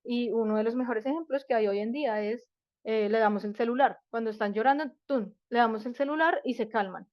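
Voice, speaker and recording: Woman giving a parenting workshop, kinda high voice, lots of "right?" checks, dull dry lo-fi sound. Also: brisk, no room sound. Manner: explanatory, asks rhetorical questions, many fillers. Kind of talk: live online workshop talk.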